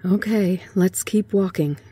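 In a horror story reading, a woman voices a laid-back, teasing teenage boy in a casual, offhand, easygoing way, saying "man." Her mid-range voice is dark and husky, measured in pace, and the recording is dry.

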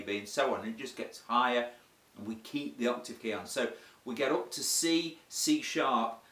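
A man's voice: mid-range voice, fairly bright tone. A man teaching a casual saxophone lesson, chatty and self-deprecating, explaining step by step. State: has the hiccups. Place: room with a board. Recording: roomy echo, heard from a distance.

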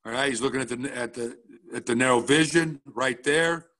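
At a coaching clinic, this middle-aged football coach talks through game film at a moderate pace in a mid-range, fairly bright voice. His style is blunt and casual, and he keeps asking "all right?"

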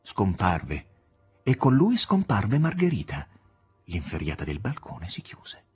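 Husky, animated literary narrator. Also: male voice, lowish voice, slow pace, faint music behind. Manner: theatrical, dramatic storytelling. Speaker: audiobook reader.

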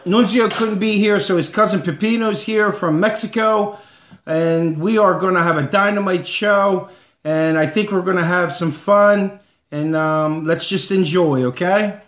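A middle-aged man hosting a homemade sports picks show in a casual, informal chatting style, with pauses between phrases. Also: high-pitched, a bit bright, slight background noise. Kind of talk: casual comedic show chat. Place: living room at home. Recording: roomy home webcam sound.

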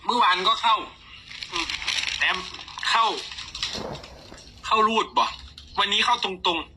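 A man with an Isan Thai accent, hoarse from a cold, casually chatting with viewers on a lottery tips livestream and reading numbers aloud. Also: high voice, takes it slowly, noisy background.

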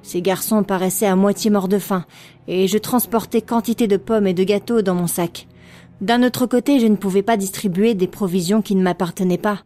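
A woman reading an audiobook in a steady, expressive storytelling manner. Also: medium pitch, normal speed, faint music behind. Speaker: audiobook narrator. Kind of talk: scripted audiobook narration.

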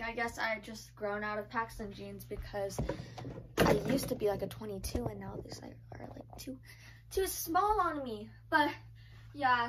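A woman's voice: a little high, a bit bright, far from the mic, a little hiss or hum, low-quality recording. A woman vlogger chatting casually through a try-on haul, filling her talk with frequent "like". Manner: chatty, filler-heavy with frequent "like". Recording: voice from away from the mic.

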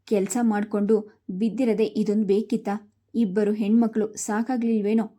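A woman's voice: medium pitch, little pitch movement, normal speed, warm tone, close to an everyday voice. A woman voicing a proud, scheming sister-in-law who grumbles and speaks sarcastically in a told story.

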